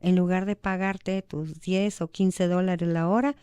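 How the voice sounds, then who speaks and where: A Mexican woman talks earnestly as a radio guest, her voice smooth and mellow. She sounds conversational and sometimes slips into quoted voices. The studio sound is dry and close. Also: lowish voice, fairly even intonation, unhurried, no room sound. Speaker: human rights advocate guest. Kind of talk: radio talk show discussion. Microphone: studio microphone.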